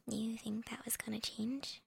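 Right up against a close microphone, a young woman whispers an ASMR girlfriend roleplay in an airy, breathy voice thick with gravelly fry. She teases softly and lets small laughs slip, her pitch a little high yet barely moving, unhurried and flat in delivery. The recording is dry.

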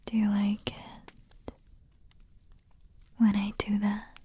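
Woman, ASMR roleplay queen, breathy soft whisper, intimate and calming. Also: mid-range voice. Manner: slow, soothing and intimate. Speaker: ASMR performer.

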